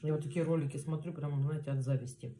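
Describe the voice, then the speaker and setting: A woman in her thirties chatting casually to the camera at home, chewing as she talks and pausing for bites. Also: low-pitched, steady tone. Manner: chewing while talking, with pauses for bites. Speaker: mukbang vlogger. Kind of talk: casual chat to camera while eating. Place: small room at home, indoors. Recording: clear background noise, cutlery and dish clatter. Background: cutlery and plates clinking.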